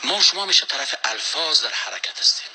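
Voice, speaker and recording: A man giving a religious lecture as a preacher, slowly reciting verses and then rising into emphatic, insistent points. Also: medium pitch, very animated, sharp tone, slight background noise, low-quality recording.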